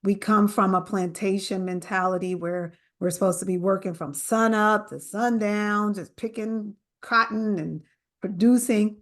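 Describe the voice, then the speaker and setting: A woman's voice: medium pitch, unhurried. A middle-aged woman from New Jersey, an author speaking earnestly and emphatically in an interview. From New Jersey, USA. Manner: earnest, emphatic, quotes others in animated voices. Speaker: author guest. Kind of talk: interview conversation.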